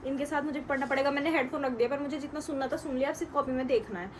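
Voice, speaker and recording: A young woman chatting casually to camera in a family vlog at home, telling stories in an animated way. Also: high voice, rapid-fire, slight background noise, poor audio. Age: young adult. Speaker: family vlogger.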